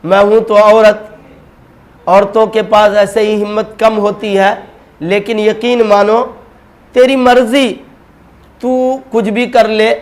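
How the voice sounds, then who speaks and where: Brief: a steadfast, devout servant mother, pleading but unbending, fairly high voice, as a male preacher speaks her lines in a sermon. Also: natural voice. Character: devout defiant young mother, a servant woman.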